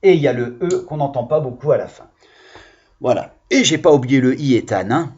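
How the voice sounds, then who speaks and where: A man teaching young children in a lively, sing-song voice that rises and falls a lot. His tone is slightly husky and a little high, and he speaks slowly, drawing out each key word so small children can follow. The recording sounds dull and lo-fi. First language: French. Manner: patient, slow and encouraging, stretching out key words. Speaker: primary school teacher.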